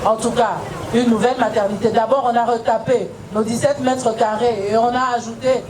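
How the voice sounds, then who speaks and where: Halting woman speaking over background noise. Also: a little high, fairly even intonation. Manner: halting, restarts mid-sentence. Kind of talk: spoken statement at a public event.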